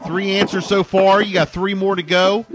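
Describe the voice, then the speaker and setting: A man's voice: high voice, level tone, normal speed. A man hosting a live phone-in contest on the radio, repeating answers like a game show announcer. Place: radio studio. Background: music playing.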